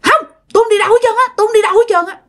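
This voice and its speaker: Woman voicing a shrill, girlish female ghost, clingy and lonely, Southern Vietnamese accent, pitched very high, told as a spoken ghost story. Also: very fast, a bit bright. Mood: frantic refusal. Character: female ghost speaking through a possessed man.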